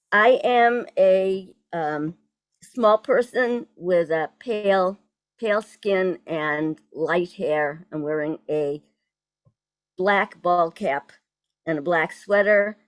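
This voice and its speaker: Woman, Boston accent, slow and deliberate, lowish pitch, informal online talk with halting delivery. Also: dry recording. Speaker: poet introduced as guest speaker. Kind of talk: informal spoken presentation at online event. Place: virtual event on video call.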